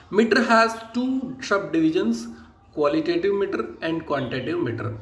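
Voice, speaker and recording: A man giving a lesson, explaining terms patiently and reading English lines aloud slowly word by word. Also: high-pitched, fairly bright tone. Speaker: teacher. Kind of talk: recorded lecture explaining English poetic meter. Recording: echoey room with faint background noise.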